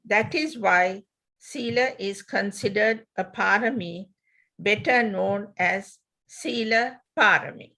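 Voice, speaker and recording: A woman reading a Buddhist teaching aloud in a slow, measured way. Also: medium pitch, creaky, sharp tone, low-quality recording. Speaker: Dhamma reader.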